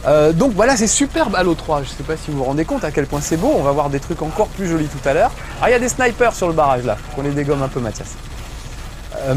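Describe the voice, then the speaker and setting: A middle-aged man chatting through a gameplay session, joking and swearing casually as he plays. His voice is fairly high and swings widely. A faint noise sits underneath. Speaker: host playing a video game. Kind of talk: gameplay commentary.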